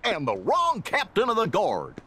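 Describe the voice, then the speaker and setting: Goofy, wildly swooping cartoon dog. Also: male voice, high-pitched, wildly swooping pitch, moderate pace, sharp tone, breathy edge, heavily acted. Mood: boastful. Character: loyal, goofy cartoon dog captain of the guard. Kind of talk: cartoon character in game cutscene.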